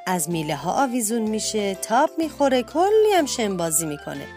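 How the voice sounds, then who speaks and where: A woman reading a children's bedtime story aloud with expressive delivery. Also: soft background music. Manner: expressive reading, lifts pitch for children's shouts.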